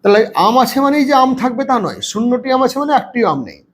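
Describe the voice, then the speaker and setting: A man's voice: very high voice, sing-song, fast, slight background noise. A man with a Bengali accent teaching a children's lesson, patiently spelling out words letter by letter and counting aloud. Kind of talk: reading lesson for young children.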